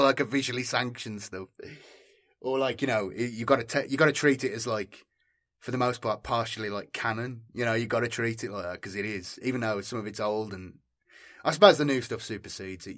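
Thinking aloud as he wanders from point to point, a channel host talks to his audience in a loose, unscripted chat. He speaks at a medium pitch with a fairly bright tone.

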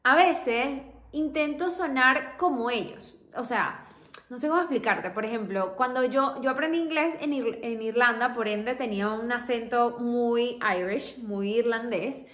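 A woman's voice: on the high side, measured pace, a bit bright. A young woman vlogger giving casual advice, chatting directly to the viewer. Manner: chatty, talks straight to the viewer. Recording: echoey room.

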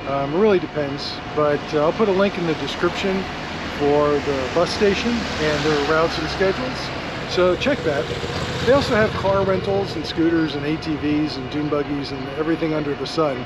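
A middle-aged man vlogging a casual walking tour, talking in a relaxed, chatty way with many ums, filmed on a camera held at arm's length in a sunny harbor area. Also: on the high side, normal speed. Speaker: travel vlogger. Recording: loud outdoor street noise.

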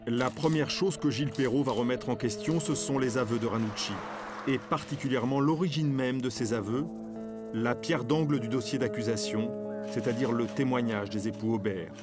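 Male documentary narrator, mid pitch, measured delivery, loud guitar bed behind. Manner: measured, steady storytelling. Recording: voice-over over loud guitar music.

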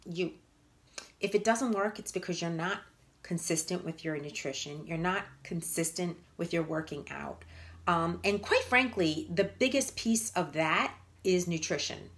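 A woman's voice: lowish voice, unhurried, a bit bright. A woman in her fifties, a fitness and nutrition coach, giving blunt, emphatic motivational talk to viewers on a live stream. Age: 50s. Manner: blunt, emphatic, repeats points for punch.

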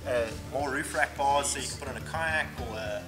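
A man's voice: medium pitch, brisk. South African man explaining products over music. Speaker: shop staff presenting products. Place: warehouse indoors, off-camera mic.

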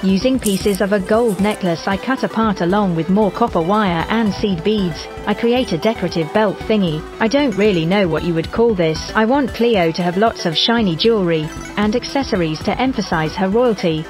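Female text-to-speech robot voice narrating. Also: medium pitch. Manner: even, measured synthetic delivery. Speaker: doll customizer narrating her craft. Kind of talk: step-by-step craft narration. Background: background music.

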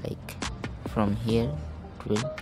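A man giving a software tutorial voiceover, talking slowly, calmly and quietly in a halting way, close to the microphone. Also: medium pitch, over loud music. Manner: slow, calm, hushed talk; halting, thinking aloud while demonstrating. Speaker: tutorial host. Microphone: microphone held close to the mouth.

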